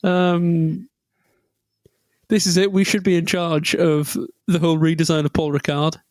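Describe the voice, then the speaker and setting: A man with a high voice co-hosts a loose podcast chat. He rambles jokily from tangent to tangent and restarts his sentences often. The sound is dry and close. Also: level tone, a little slow, dry recording. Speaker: podcast co-host. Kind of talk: casual chat.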